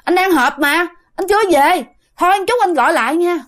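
A woman's voice: extremely high pitch, expressive, brisk, fairly bright tone, voice pushed up. Woman voicing an easygoing young husband. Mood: puzzled.

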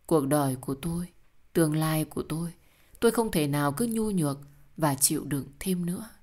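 A woman narrating an emotional first-person audio story in a soft storytelling manner. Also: deep voice, expressive, fairly quick.

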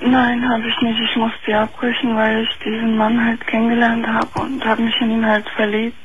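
A woman's voice: fairly high pitch, completely flat delivery, moderate pace. A woman in her twenties calling in to a radio talk show over the telephone. She speaks hesitantly, with many fillers. Her voice comes through faint and thin. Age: 20s. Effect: faint, thin phone-line sound. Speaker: caller. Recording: muffled phone line with faint hiss.

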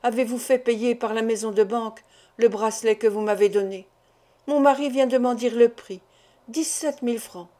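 Woman reading a tearful, impassioned older mother, high and warm-toned, audiobook. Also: steady tone, moderate pace, close to an everyday voice. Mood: anguished pleading. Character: anguished middle-aged mother torn by shameful love.

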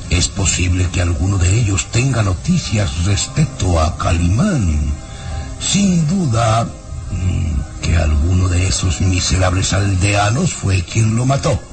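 An actor playing a sly villainous baron who feigns sympathy, in old-time radio drama style, with a smooth, drawn-out delivery. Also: male voice, low-pitched, full character voice. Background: dramatic background music.

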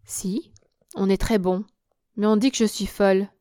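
A woman reading the part of a frightened, dazed young woman, speaking in a halting, dry, nervous way. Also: medium pitch, fairly even intonation, warm tone, no room sound, close to an everyday voice. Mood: distressed.

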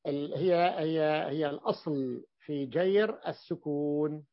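A man teaching a grammar class, going over each point slowly and repeating it until it sticks. His voice sits somewhat high. The recording is dry and a little muffled. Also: no room sound. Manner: explains step by step, repeats key points. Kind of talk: grammar lesson explanation.

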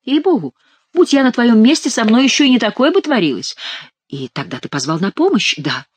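A woman voicing a mocking, quick-witted male court jester in an audiobook. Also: fairly high pitch, big pitch swings, husky, no room sound, pitched above the performer's own voice. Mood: teasing. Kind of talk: audiobook character reading.

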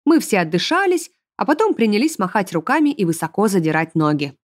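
Lady reading a story audiobook, lively, super dry close sound. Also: mid-range voice, brisk, dry recording. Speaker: audiobook narrator. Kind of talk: audiobook narration.

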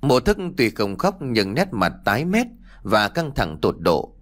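A male storyteller reading an audiobook. His delivery is expressive and lively, rising and falling freely in pitch as the tale unfolds. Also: measured pace. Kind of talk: audiobook narration.

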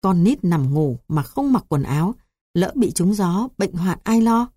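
Scolding old wife, curt, southern vietnamese, mellow low voice, read by a woman. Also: animated, measured pace, dry recording, studio quality. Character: sharp-tongued old woman, the lay monk's wife.

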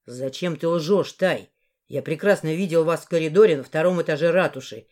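A gruff, curt male police chief with a growling edge and a voice pushed well down, mellow in tone, as a woman reading a romance audiobook plays him. He speaks in clipped, irritated bursts. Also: low-pitched, brisk, voice pushed down, lightly acted. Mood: bitter. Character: gruff blond male boss, head of secret police.

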